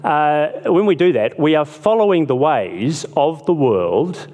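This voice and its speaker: A man preaching a sermon in a relaxed, conversational way, telling a story and acting out short bits of dialogue. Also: on the high side, measured pace, highs cut off. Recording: long hall reverb.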